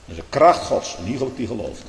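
A man preaching a stern sermon in archaic biblical phrasing. He swings between booming proclamation and low muttered asides, often tagging lines with "hè?" and "hm?". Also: very animated, quick pace. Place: church. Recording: echoey reverberant hall.

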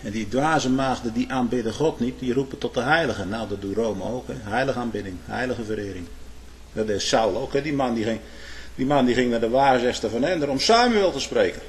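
This mid-range male preacher talks fairly quickly, delivering his sermon in archaic biblical language. He moves from quiet asides to booming proclamations, with "hè" cropping up frequently.

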